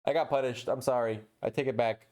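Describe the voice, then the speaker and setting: A man's voice: mid-range voice, fairly even intonation, brisk, darkish tone. A man streaming live, chatting casually with his chat in a rambling way and reading posts aloud.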